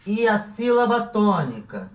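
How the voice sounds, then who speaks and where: A high-voiced man gives a slow, patient language lesson, repeating his examples and stopping to check understanding. He stands some distance from the mic in an echoey room. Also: sing-song. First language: Portuguese. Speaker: language teacher. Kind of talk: classroom-style lesson explanation.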